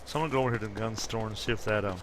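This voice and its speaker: Against a noisy background, a man in his fifties races through casual gameplay commentary at a very fast pace. This gaming YouTuber has a fairly low voice and rambles, correcting himself as he goes.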